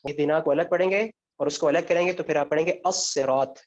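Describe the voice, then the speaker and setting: Man, fairly high voice, grammar lecture, explains step by step, dull lo-fi recording. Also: steady tone, darkish tone. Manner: explains step by step, asks and answers his own questions. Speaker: Arabic grammar teacher. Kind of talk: online lecture with student questions. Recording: dull lo-fi sound.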